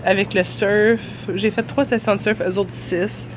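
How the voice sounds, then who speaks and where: Speaking at a measured pace, this young woman has a medium pitch and fairly even intonation. She's a travel vlogger with a Québécois accent and a stuffy cold, chatting and laughing a lot. The handheld camera records her outdoors, with traffic audible around her.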